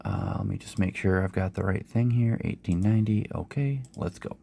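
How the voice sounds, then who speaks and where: A male gaming host speaks in a very low, gravelly voice, worn by a sore throat and a cold. His delivery is low-energy and unhurried as he casually narrates results from a simulated golf tournament. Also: wildly swooping pitch, dark tone, slight background noise. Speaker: host of a sports gaming channel.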